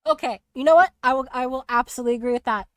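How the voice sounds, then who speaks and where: A woman streamer chatting casually about a video game, rambling and animated with lots of fillers. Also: sits high, very fast, dry recording. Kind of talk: casual spoiler chat on a live stream.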